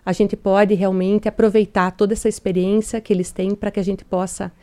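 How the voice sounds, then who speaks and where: Woman, 40s, mellow warm voice, earnest interview guest. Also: mid-range voice, flat delivery, brisk. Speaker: guest from industry. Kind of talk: radio interview answers.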